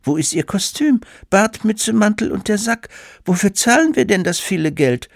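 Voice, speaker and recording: A man's voice: high-pitched, expressive, moderate pace, creaky, no echo, clean studio sound, pitched above the performer's own voice. A man voicing an indignant middle-aged mother who complains about the missing costume.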